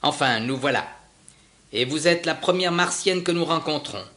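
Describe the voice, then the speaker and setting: A guy doing a grinning space captain, raised voice, all excited and chatty, read-aloud story. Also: a little high, moderate pace, voice pushed up. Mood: eager. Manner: bright and eager. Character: cheerful eager male spaceship captain.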